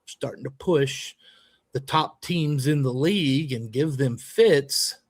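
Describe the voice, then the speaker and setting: A man co-hosting a podcast, telling a story in a lively, emphatic way and acting out a heated argument. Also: mid-range voice, takes it slowly, no room sound. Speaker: podcast co-host and youth baseball coach. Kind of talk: animated storytelling in casual chat.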